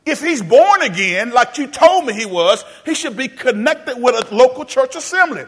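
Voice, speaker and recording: With a very high, very animated voice that is a bit bright and edged with breath, a pastor preaches in a church at a moderate pace. He calls out questions for the congregation to answer. Folksy in tone, he refers to them as "y'all" and "baby."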